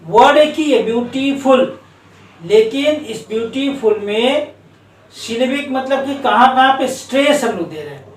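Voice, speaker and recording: A male teacher explaining English spelling rules to students, often asking them questions and spelling out letters slowly. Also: very high voice, expressive. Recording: echoey room, voice from a distance.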